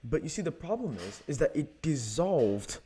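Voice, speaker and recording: A man's voice: a little high, sing-song, moderate pace, dark tone, breathy edge. A young American man hosting a history podcast, telling events in a casual, conversational way with many fillers. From United States.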